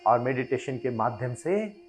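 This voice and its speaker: A man's voice: mid-range voice, expressive, normal speed, faint music behind. A man giving an emphatic devotional motivational address, building into fervent exhortation. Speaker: motivational spiritual speaker.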